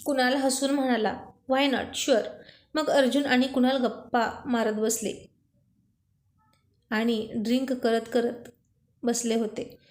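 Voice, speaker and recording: A woman storyteller narrating a serialized romance story in a steady, plain way. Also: a little high, unhurried, pauses often. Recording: roomy echo.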